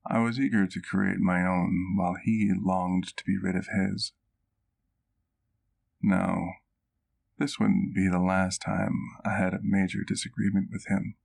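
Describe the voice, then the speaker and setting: A man performs a centuries-old gentleman vampire in an ASMR roleplay, his very low voice carrying a gravelly creak. Like a doting, wistful doctor, he gently recalls old memories in measured, literary phrases with a level tone, fully in character and in a reflective mood.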